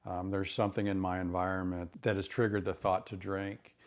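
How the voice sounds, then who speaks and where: Earnest middle-aged man, lowish voice. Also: level tone, a little fast. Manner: earnest, repeats words when starting phrases. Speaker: therapist. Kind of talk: educational talk to camera.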